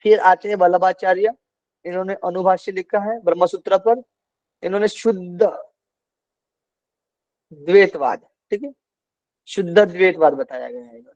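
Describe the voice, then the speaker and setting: High-voiced male teacher, patient explainer. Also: moderate pace, long pauses, darkish tone, no echo, muffled recording. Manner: explains patiently, repeats key points with "ठीक है". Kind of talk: online class lecture.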